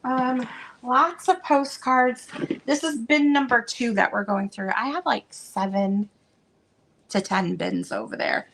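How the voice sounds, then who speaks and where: Gravelly-voiced woman chatting through vintage finds. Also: fairly high pitch, slow pace, fairly bright tone, slight background noise, rough recording. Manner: chatty, meandering, frequent fillers. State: losing her voice. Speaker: vintage seller showing stock. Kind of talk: casual unboxing chat.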